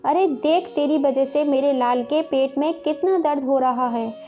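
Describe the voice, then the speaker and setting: A woman voicing a harsh village stepmother who scolds and taunts the children in a sharp, shouting way. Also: high voice, unhurried, soft background music. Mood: scolding.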